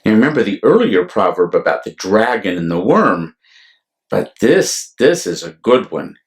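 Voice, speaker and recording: A priest acting as storyteller reads a children's picture book aloud with a very animated pitch. He goes deliberately, adding explanatory asides for the young listeners.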